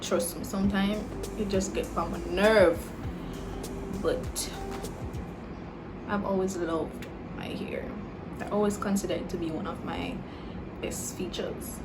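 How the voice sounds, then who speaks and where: A 21-year-old woman with a Caribbean English accent blending Jamaican and Dominican roots chats casually through viewer questions in a Q&A vlog, leaning heavily on "like" and "you know." Her medium-pitched voice moves a little slowly with frequent pauses. Loud music plays behind her and the audio quality is poor.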